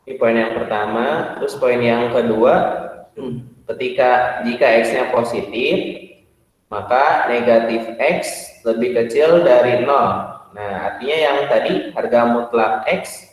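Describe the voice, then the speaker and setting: A man's voice: mid-range voice, slow. A man teaching a math class, explaining step by step with many fillers and checking whether his students follow. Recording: echoey hall, far from the mic.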